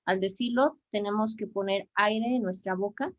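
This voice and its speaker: A woman's voice: medium pitch, fairly even intonation, moderate pace, no echo. A woman interpreting and explaining an English pronunciation lesson for her students. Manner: explains and repeats the teacher's points. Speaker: class interpreter and co-host. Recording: dull, dry audio.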